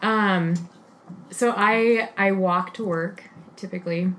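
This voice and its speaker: A woman's voice: mid-range voice, fairly even intonation, slow pace, a bit bright, a little hiss or hum, rough recording. A woman talking as a guest on a casual podcast, chatty with many ums and likes. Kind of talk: casual chat.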